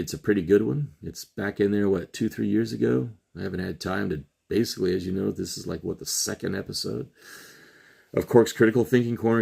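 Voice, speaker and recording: A middle-aged man hosting a solo commentary show, urging listeners earnestly with slow, emphatic pauses. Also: lowish voice, creaky, darkish tone, breathy edge. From Trinidad and Tobago. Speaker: podcast host.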